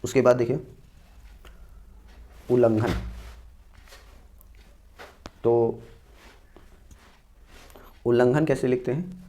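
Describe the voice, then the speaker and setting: A man's voice: medium pitch, fairly even intonation, warm tone. A man teaching an exam-prep Hindi spelling lesson, repeating each word and explaining it step by step. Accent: North Indian Hindi. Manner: explains slowly, repeating each word and saying "dekhiye" and "theek hai".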